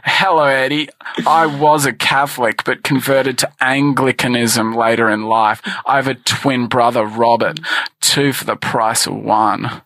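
A man voicing a sultry male dating-show contestant in a slow, throaty, seductive drawl. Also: mid-range voice, fairly even intonation, pushed and bright, dry recording.

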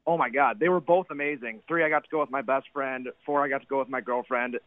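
A man with a hoarse, worn-out voice from cheering, gushing casually as a fan calling a sports radio show. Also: medium pitch, steady tone, fast talker, no room sound. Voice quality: hoarse, strained voice after shouting at the game. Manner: effusive, gushing. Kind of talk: excited casual fan chat. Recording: narrow-band phone call.

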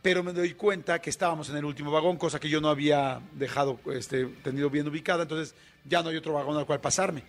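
Mexican man, higher-pitched storyteller. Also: fast. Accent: Mexican Spanish. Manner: colloquial, animated storyteller with many fillers. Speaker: radio guest. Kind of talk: storytelling in a radio interview.

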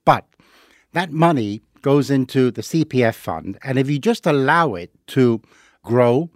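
A man's voice: mid-range voice, lively intonation, a little slow, dry recording, clean studio sound. Patient middle-aged man from Hong Kong. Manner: patient, explains step by step with worked examples. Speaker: investing guest. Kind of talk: podcast interview.

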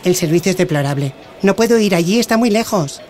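A man's voice: high-pitched, animated, fast, a little mellow. An actor playing a grumpy, stubborn male customer in a radio comedy sketch, talking in a whiny, complaining way.

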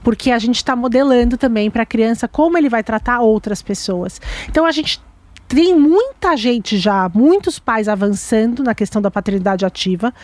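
A woman hosts a chat show, speaking in a measured, thoughtful way as she steers the conversation. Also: a little high, animated, darkish tone, no echo. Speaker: host.

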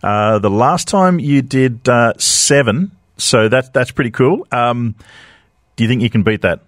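A man's voice: mid-range voice, lively intonation, measured pace, no echo. Male radio host reading listener questions; upbeat, dry studio sound. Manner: upbeat, laughs easily. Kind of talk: casual radio hosting.

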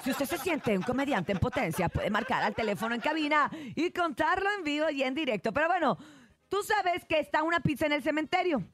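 A woman's voice: sits high, expressive, brisk, noisy background. Giggly Mexican woman radio host. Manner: giggly, playful joke-telling. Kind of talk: morning radio banter. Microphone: studio mic.

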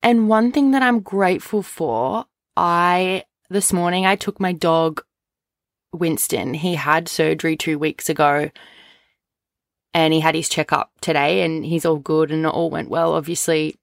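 A woman's voice: low voice, steady tone, measured pace, gravelly, no echo. A young woman chatting informally as a solo podcast host, recorded on a cheap-sounding microphone. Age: young adult. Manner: informal, chatty, frequent "like" and "literally". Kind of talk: casual solo podcast chat. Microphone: low-quality microphone. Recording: cheap USB mic sound, close and dry.

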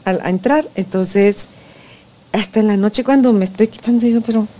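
Woman, podcast host, playful storyteller, mellow. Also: medium pitch, moderate pace. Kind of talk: casual podcast conversation.

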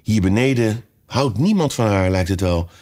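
A man's voice: fairly low pitch, lively intonation, moderate pace, a little mellow, lightly acted. A man reading a storybook aloud, voicing a curious and polite young girl who talks earnestly and pleads. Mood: wistful.

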